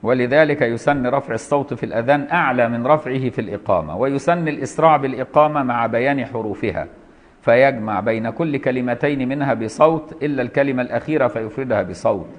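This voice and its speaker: Fast-talking Egyptian sheikh teaching jurisprudence. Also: male voice, mid-range voice. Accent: Egyptian Arabic. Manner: switches between reading formal text and lively colloquial explaining; asks students rhetorical checks. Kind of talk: classroom lesson on a commentary text.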